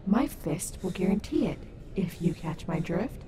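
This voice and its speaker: A woman's voice: on the low side, very animated, unhurried. A woman playing a caring, sassy robot wolf animatronic in an ASMR audio roleplay, soothing and reassuring with a wry streak. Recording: noticeable background noise.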